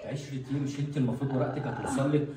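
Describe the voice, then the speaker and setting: A man's voice: mid-range voice, fairly even intonation, very fast, natural voice. A man with an Egyptian accent acts an offhand, careless husband in a comedy skit. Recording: echoey room, loud noise.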